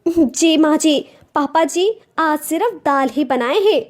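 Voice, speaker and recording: A woman's voice: high-pitched, slow. A woman doing an earnest young wife. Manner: earnest, pleading.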